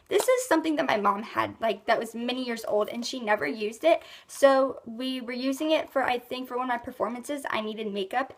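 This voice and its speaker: A young woman with a high, bright pitch and a lilt, chatting through her monthly favorites. She sounds a little under the weather, and she rambles with plenty of ums and likes. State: sick, voice a bit rough. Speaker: beauty vlogger. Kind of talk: casual rambling product review.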